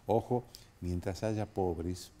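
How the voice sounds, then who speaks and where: An interviewer asking long, measured questions in a TV interview. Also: sits low, mellow.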